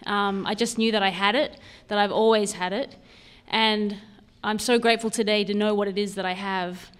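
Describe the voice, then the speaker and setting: A woman in her thirties from Sydney, whose Australian accent has a bit of Canadian in it, gives a candid, conversational, lightly humorous personal talk to an audience as a guest speaker at a recovery convention. The tone is clean, her pitch medium, her intonation fairly even and her pace moderate.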